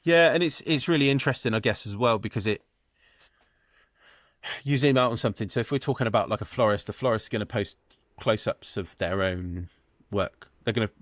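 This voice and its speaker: A man's voice: lowish voice, a bit bright, dry recording, studio quality. A man with a British accent, co-hosting a podcast, upbeat and teasing, asking his co-host questions. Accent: British English. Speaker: podcast co-host, wedding photographer. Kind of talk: casual podcast chat.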